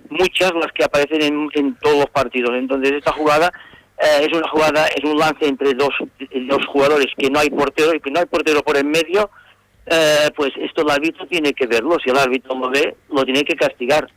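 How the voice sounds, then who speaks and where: A man's voice: medium pitch, fairly bright tone, no room sound, low-quality recording. A man talking as a football pundit on a radio show, indignant and repeating himself as he rants about a match. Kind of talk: heated sports radio debate.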